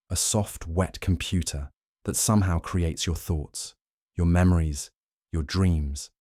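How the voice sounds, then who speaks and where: A man reading scripted bedtime relaxation narration in a gentle, soothing, unhurried manner. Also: sits low, no echo, studio quality. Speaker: narrator of a sleep science channel.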